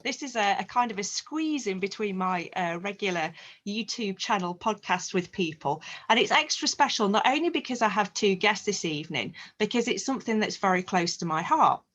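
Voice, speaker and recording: A woman's voice: mid-range voice, animated, normal speed, fairly bright tone. A woman with a Northern English accent hosting a casual podcast interview over a video call, welcoming and with some restarts. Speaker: podcast host.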